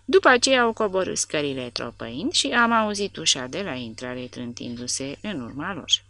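Woman audiobook narrator, low and gravelly, lively expressive reading, dry close sound. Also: dry recording.

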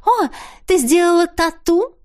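A woman's voice: extremely high pitch, expressive, measured pace, pitched above the performer's own voice. A woman voicing a spoiled young woman who whines and pleads with her cousin. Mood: petulant. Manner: whining, pleading.

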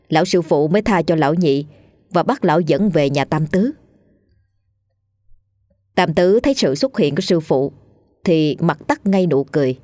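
A woman narrating a ghost story in a lively, dramatic way. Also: low-pitched, no room sound, studio quality.

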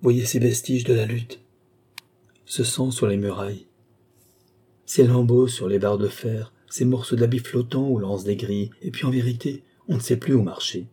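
A man's voice: medium pitch, fairly even intonation, normal speed, warm tone, breathy edge, close to an everyday voice. A man reading aloud and playing a fervent, pleading old man who is searching for a lost boy. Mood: anguished. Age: older.

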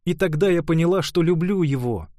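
A man voicing an earnest young woman in love, talking in an excited, pleading rush. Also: on the high side, fairly quick, no room sound, clean studio sound, pitched above the performer's own voice, lightly acted.

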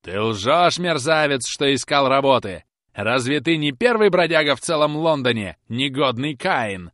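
A man voicing a cruel, menacing gentleman clerk who threatens in a harsh, slow, loud manner. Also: mid-range voice, expressive, no room sound, clean studio sound, pitched above the performer's own voice. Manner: harsh, threatening, shouting slowly.

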